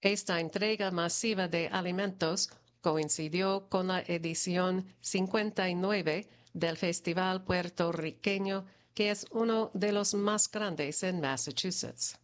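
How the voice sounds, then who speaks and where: A woman reads community news at an unhurried, deliberate pace. Her delivery is steady and measured, each item read out plainly as prepared copy. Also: lowish voice. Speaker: news reader.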